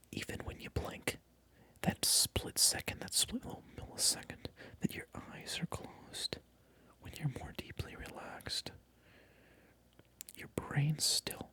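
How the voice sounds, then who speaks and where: An ASMR creator, a man, whispers his way through a comedic role-play, acting mock-indignant and repeating his phrases again and again.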